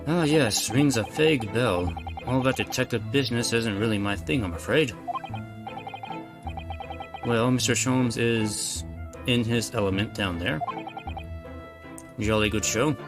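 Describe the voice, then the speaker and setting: A man voicing a posh, forgetful, irritable older gentleman in a video game, with pompous, spluttering old-fashioned phrasing. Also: mid-range voice, a little slow, long pauses, music in the background, close to an everyday voice. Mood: pompous, vague. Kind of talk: video game character read-aloud.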